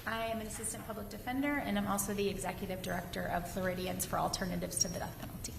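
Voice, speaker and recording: A woman's voice: medium pitch, little pitch movement, rapid-fire, vocal fry. A woman giving courtroom testimony as a witness, explaining her answers in an informal way. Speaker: witness, public defender. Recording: faint background noise.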